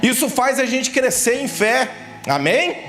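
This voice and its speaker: High-voiced man preaching fervently in church. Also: big pitch swings, a little slow. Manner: fervent preaching, addresses listeners as "querido", asks "amém?". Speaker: pastor. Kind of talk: sermon. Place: church sanctuary. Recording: echoey church hall, faint music.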